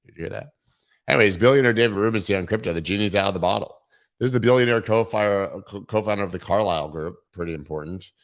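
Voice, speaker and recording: A man with a very deep, low voice that sounds worn out and tired. He hosts a casual crypto livestream in an irreverent, joking way and swears freely as he walks through the charts. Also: fast. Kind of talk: casual market commentary.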